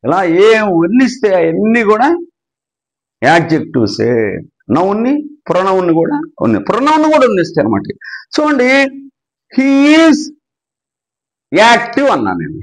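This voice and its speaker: A man with an Andhra Telugu accent teaching English grammar, his voice set very high and swinging lively up and down. He keeps asking his class a question and then answering it himself. He slows right down when he dictates an English definition. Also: poor audio. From Andhra Pradesh. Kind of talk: explanatory grammar lesson.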